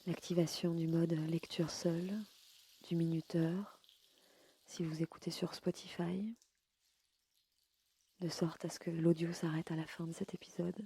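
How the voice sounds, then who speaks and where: A woman leading a guided yoga nidra sleep meditation in a slow, soft and soothing way. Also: lowish voice, flat delivery, slightly rough.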